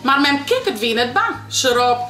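A playful storyteller from Friesland reads a picture book aloud to a child. Her voice sits high and swoops animatedly at an unhurried pace. A soft guitar plays in an echoey room. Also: big pitch swings. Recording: roomy with soft guitar music.

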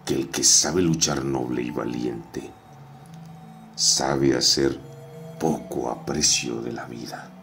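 A man's voice: a bass voice, steady tone, slow, gravelly, fairly bright tone, soft background music. A man reciting a dramatic narrative poem in a theatrical, declamatory style. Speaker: poetry reciter.

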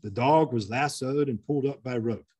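A man, working as a museum curator, giving a slide lecture in an auditorium, reading an old article aloud with pauses and restarts. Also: medium pitch, a little mellow, breathy edge. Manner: reads with pauses and restarts, chuckles at anecdotes.

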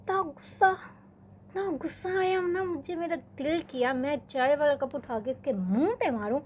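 Young woman vlogger, slightly high pitch, animated casual storyteller who leans on filler words. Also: normal speed, a little hiss or hum. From Pakistan. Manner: chatty, animated, peppers speech with filler words.

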